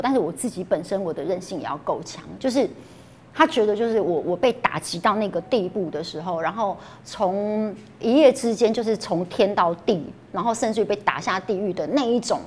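Candid Taiwanese woman recalling hard times. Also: mid-range voice. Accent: Taiwanese Mandarin. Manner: candid, self-reproaching, quotes her own thoughts aloud. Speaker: interviewee. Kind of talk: emotional personal recollection.

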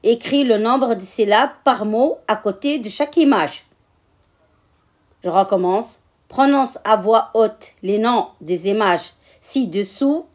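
Patient woman teacher, higher voice, slow deliberate delivery for beginners. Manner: patient, repeats words and syllables aloud. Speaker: French teacher. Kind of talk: slow classroom instruction.

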